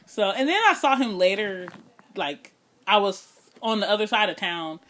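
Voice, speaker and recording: A woman's voice: medium pitch, normal speed. A woman chatting casually on a podcast, telling stories and acting out other people's lines. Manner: animated storyteller, acts out voices. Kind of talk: casual chat.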